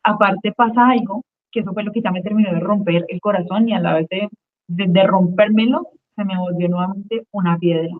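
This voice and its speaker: A woman's voice: medium pitch, steady tone, fairly quick. A woman giving a personal faith testimony as a guest, speaking earnestly and emotionally and repeating phrases for weight. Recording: tinny phone-line sound.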